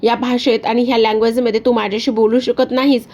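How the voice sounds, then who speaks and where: Brief: woman voicing a defiant young schemer, mocking, slightly high voice. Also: little pitch movement, a little fast, a little mellow, lo-fi sound, close to an everyday voice. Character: scheming young woman grabbing family wealth.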